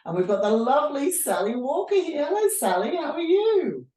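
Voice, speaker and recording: Gushing with compliments, a woman hosts a conversational interview on a mental health chat show. Her high voice swings widely in pitch yet has a dark tone, and she keeps a moderate pace. The room echoes, and she's far from the microphone.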